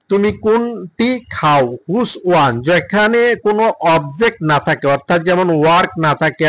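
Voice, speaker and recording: A man with a Bengali accent teaching English, drilling sentences slowly with translations and frequent "ah" fillers. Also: high voice, a bit bright, no room sound, poor audio. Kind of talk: bilingual language lesson.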